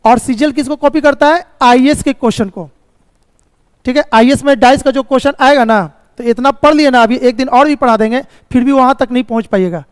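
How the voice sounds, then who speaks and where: Man, very high voice, teacher, live class lecture, dry close sound with a long reverb tail. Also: brisk, smooth. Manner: explains step by step with frequent check questions; scolding students over the course. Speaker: reasoning teacher.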